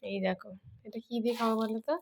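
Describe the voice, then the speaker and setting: A woman's voice: a little high, fairly even intonation, quick pace, vocal fry, a little mellow. A woman with a cold and a sore throat, chatting casually at home for her vlog and talking to a small child. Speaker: vlogger.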